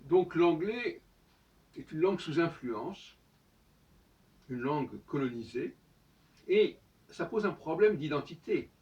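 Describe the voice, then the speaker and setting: A man's voice: fairly high pitch, animated, takes it slowly, pauses often. A man giving a solo spoken monologue as host, lecturing with emphatic rhetorical questions. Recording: distant, dull lo-fi sound.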